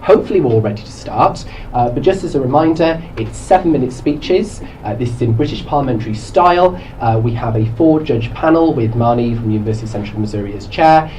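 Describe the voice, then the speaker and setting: Young guy kicking off a debate, chatty with lots of ums, mellow tone, far from the mic, faint room hum. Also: mid-range voice, lively intonation, fast, hardly any pauses. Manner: chatty, with many filler sounds. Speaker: debating society president and convener. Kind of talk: opening remarks at a debate event.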